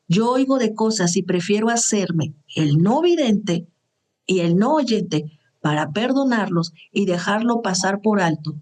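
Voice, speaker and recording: A woman's voice: medium pitch, darkish tone. A woman teaching the Bible in an earnest, conversational way, often checking in with her listeners. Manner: earnest, conversational, with frequent "¿sí?" and "¿verdad?" check-ins.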